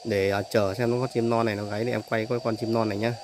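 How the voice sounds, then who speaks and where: In a bird aviary full of cages, a man who breeds and sells doves talks casually through a tour while holding his phone to film, tossing in "đấy" and other short tags between points. His voice sits on the low side with a flat delivery. The audio is poor, with the doves' loud cooing dominating the phone recording.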